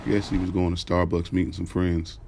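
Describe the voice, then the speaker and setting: Playing Jalen, a laid-back young driver who's smitten and telling the story of his day, a man speaks in a low voice with little pitch movement. His audio drama narration is casual, slangy, conversational, and unhurried, with music in the background.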